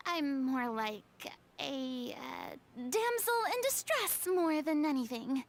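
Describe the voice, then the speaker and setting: An actress voicing Furina, a theatrical young former goddess who bluffs and gets flustered, in game dialogue with music behind. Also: female voice, high-pitched, animated, takes it slowly, exaggerated voice. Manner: dramatic, flustered, playful.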